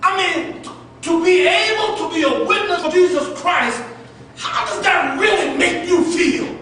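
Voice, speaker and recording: A pastor preaching a fervent sermon, repeating his phrases and rising to shouts. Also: very high voice, a little slow, far from the mic. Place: church sanctuary. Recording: very echoey church, voice from afar, faint noise.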